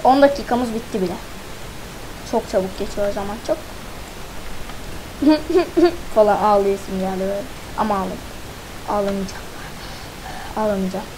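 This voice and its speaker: A woman's voice: medium pitch, a little fast, background noise. A woman giving casual let's-play commentary, talking to herself as she plays, counting items aloud and tossing in playful slang. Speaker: gaming channel host.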